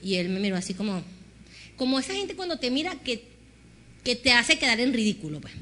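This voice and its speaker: A woman pastor preaching an animated sermon, acting out conversations and having the congregation repeat after her. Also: fairly high pitch, brisk, a little hiss or hum. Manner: animated storytelling, acts out dialogue with God.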